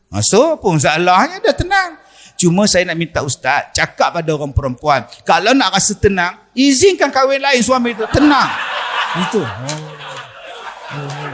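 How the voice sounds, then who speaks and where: A man's voice: high voice, fairly bright tone. A middle-aged man with a Malaysian Malay accent preaching a sermon in a mosque, telling stories and acting out the voices of the people in them.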